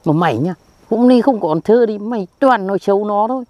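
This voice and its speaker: A blustering old country man who boasts and then defends himself , as a performer puts him on. He talks slowly, and his pitch swings widely up and down. Faint insect chirps and animal sounds come from the fields behind him. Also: animated, darkish tone, a little hiss or hum, lightly acted. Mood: defensive. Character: boastful, dim-witted old village man.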